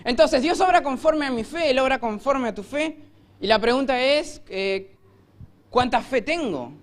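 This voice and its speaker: Rioplatense male pastor, high-pitched, lively storytelling sermon. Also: unhurried. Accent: Rioplatense Spanish. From Argentina. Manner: storytelling preacher, acts out voices with shouts. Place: church.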